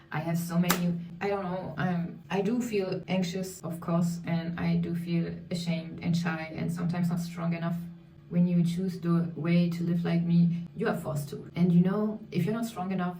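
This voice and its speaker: A woman in her thirties with a lowish, mellow voice chats candidly while putting on makeup for her beauty channel. Because English is her second language, she sometimes stops to find a word. There's echo in the room, the mic is distant, and faint music plays.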